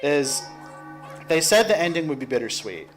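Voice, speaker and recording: A man giving casual, chatty commentary over a video game, talkative and jokey with excitable outbursts. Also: on the high side, moderate pace, faint music behind. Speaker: gameplay commentator. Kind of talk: casual let's-play commentary.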